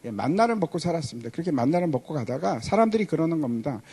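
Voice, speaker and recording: A male pastor preaching a sermon, telling a story and putting questions to his listeners. His voice is high and husky, with a wide, lively pitch that climbs and drops. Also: racing. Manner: storytelling, asks the congregation questions.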